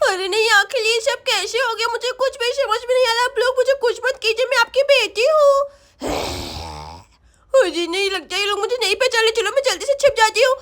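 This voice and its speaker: A woman's voice: extremely high pitch, a little fast, a bit bright, voice pushed up. A woman voicing a frightened young schoolgirl doll who talks in panicky, tearful exclamations. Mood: scared.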